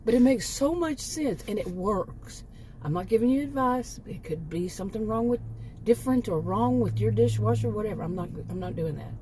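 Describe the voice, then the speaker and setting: A woman's voice: mid-range voice, expressive, normal speed, warm tone, slight background noise. A woman in her late fifties chatting casually in a rambling vlog, often correcting herself and chuckling at her own asides. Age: 50s. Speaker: homemaking vlogger.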